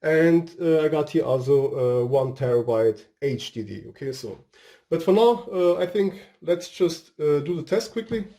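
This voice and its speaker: Brief: Portuguese-accented man, a bit high-pitched and warm, casual tech reviewer, hesitant non-native English, drifts off topic. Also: animated, normal speed. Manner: rambling, hesitant, searching for words. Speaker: tech video host. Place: home room with a fireplace.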